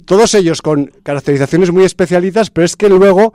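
A man's voice: high voice, quick pace, dark tone, no echo, studio quality. A man from chatting casually about a film's cast as a podcast host, full of fillers and restarts. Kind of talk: casual film review chat.

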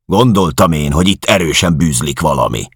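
A man voicing a hulking, bullying male officer who shouts with contempt. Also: deep voice, big pitch swings, husky, no room sound, studio quality, voice pushed up, exaggerated voice. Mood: angry bullying.

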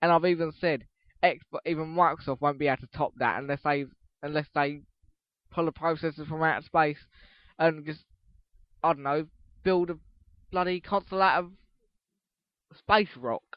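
A teenage boy with a slightly high voice runs his solo podcast, rambling loosely, cursing offhandedly and breaking off mid-sentence. The recording is dry and dull, like a cheap home mic. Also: fairly even intonation, moderate pace, pauses often, no room sound. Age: teens. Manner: rambling, swears casually, restarts sentences. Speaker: podcast host.

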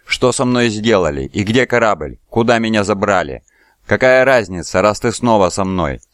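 A man voicing a young woman who has just woken from an enchanted sleep, talking softly and tearfully. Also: lowish voice, animated, normal speed, no echo, studio quality, lightly acted. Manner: soft, tearful, breathless pleading. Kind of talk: audiobook character voice.

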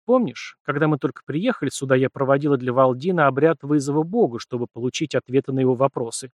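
A man's voice: medium pitch, fast, no echo, highs cut off, close to an everyday voice. A man voicing a frightened young female slave and sorceress who speaks timidly. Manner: timid, pleading.

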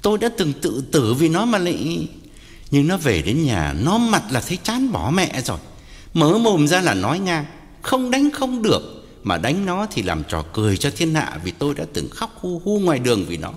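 A man's voice: fairly high pitch, huge pitch swings, moderate pace, in a large hall, voice pushed up. A man voicing a sulky middle-aged village husband who grumbles and pities himself, in an audiobook. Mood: grumbling. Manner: grumbling, self-pitying. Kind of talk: audiobook character voice.

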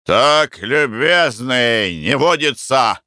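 A man voicing a rough, suspicious hotel corridor servant who barks accusations in an audiobook. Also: mid-range voice, animated, extremely slow, no room sound, studio quality, voice pushed up, full character voice. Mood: angry, suspicious. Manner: shouting, gruff accusations.

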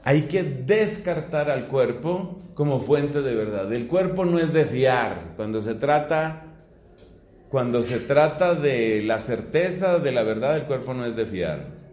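A middle-aged man from Colombia, a priest, giving a philosophy lecture in a slow, deliberate way with rising emphasis. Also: mid-range voice, animated, a little mellow. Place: classroom or hall. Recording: echoey room.

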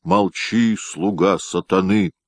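A man's voice: fairly even intonation, slow, dry recording. A man voicing an aggrieved noblewoman, a wife who pleads and then shrieks her defiance, in a dramatic reading of a historical novel. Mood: defiant, shrill. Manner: pleading and shrill.

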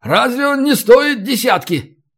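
A man voicing a boisterous, mocking brawler who haggles loudly over a captive. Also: very high-pitched, sing-song, measured pace, breathy edge, voice pushed up, exaggerated voice. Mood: haggling. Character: boisterous bargaining male brawler, Belarusian.

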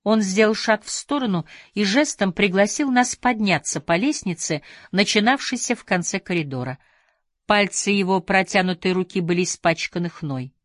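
A woman reading a novel aloud as audiobook narration, measured and even. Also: medium pitch, dry recording, studio quality. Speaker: audiobook reader. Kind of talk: scripted narration.

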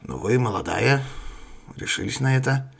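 A man voicing a calm, sinister male rebel leader who speaks slowly and courteously, with a husky, creaky voice. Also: medium pitch. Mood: suave menace. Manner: slow, courteous, menacing.

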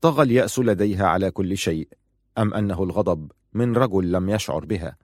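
A man reading a novel aloud as narrator, in a measured storytelling manner. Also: sits low, lively intonation, no room sound, clean studio sound. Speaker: audiobook narrator. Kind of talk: scripted narration.

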